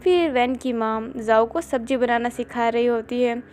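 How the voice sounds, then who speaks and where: A woman reading a fanfiction story aloud in a plain, steady retelling. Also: a little high, moderate pace, a little hiss or hum.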